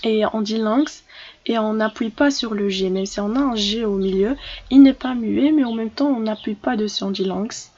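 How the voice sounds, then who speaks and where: Woman, casual language lesson, hesitant with fillers, gravelly, slightly muffled recording. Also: on the high side, brisk, a little mellow. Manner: hesitant, many fillers and restarts. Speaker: English teacher for French speakers.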